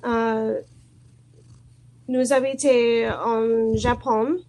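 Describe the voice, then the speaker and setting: Very slowly and with a flat delivery, a woman with a fairly high, slightly mellow voice works through halting conversation practice in French. A beginner with an American accent whose first language is English, she's shy and nervous, hesitating as she looks for each word.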